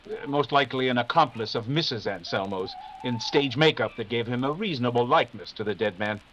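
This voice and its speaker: A man playing Sherlock Holmes, a brisk, self-assured detective, in formal, authoritative 1940s radio mystery style. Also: medium pitch, fairly bright tone, lightly acted. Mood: explaining. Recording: dull, noisy live radio-play recording.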